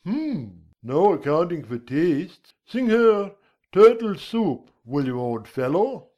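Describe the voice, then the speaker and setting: A man playing a brusque, impatient Gryphon with a bossy, drawn-out delivery in an audiobook. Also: fairly high pitch, sing-song, a little mellow. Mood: gruffly offhand. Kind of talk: full-cast audiobook character acting.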